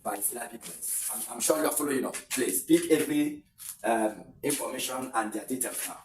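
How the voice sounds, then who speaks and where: A man's voice: medium pitch, moderate pace. A man teaching an exam-prep lesson, explaining step by step and repeating key words. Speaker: English teacher. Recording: echoey room, mic far off, faint noise.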